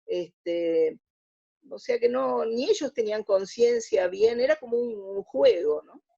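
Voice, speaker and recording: As an interview guest, this radio drama researcher from Argentina, with an Argentine Spanish accent, gives conversational explanations and often rephrases mid-sentence. Her fairly high voice is expressive, creaky, and mellow at a measured pace, and the highs are cut off.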